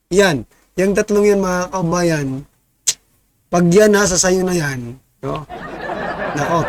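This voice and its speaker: A Filipino man with a somewhat higher voice speaks directly to his listeners, preachy and insistent. Faint background noise sits under his casual political commentary. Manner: preachy, addresses listeners directly, tags questions.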